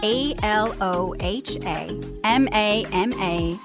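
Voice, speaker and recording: A woman's voice: medium pitch, slow pace, music in the background. A woman hosting a pet podcast who chats with her guest and also reads a sponsor ad. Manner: warm listener, reacts with short interjections. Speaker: podcast host. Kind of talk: casual interview and ad read.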